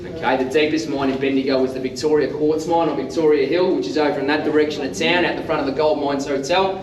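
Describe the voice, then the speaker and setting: An Australian man guiding a group tour in a loud, projecting teacher voice, with informal, jokey patter. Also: fairly high pitch, steady tone, fast, recorded from a distance, crowd noise. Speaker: underground mine tour guide. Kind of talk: guided tour talk to a group. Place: underground mine tunnel. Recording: echoey underground space, off mic, faint noise.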